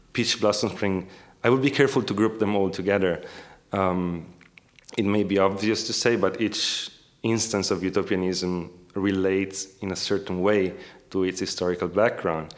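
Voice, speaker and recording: Low-pitched, careful academic man. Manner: hesitant, careful academic phrasing with frequent rewording. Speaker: academic researcher, interviewee. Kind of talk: scholarly interview discussion.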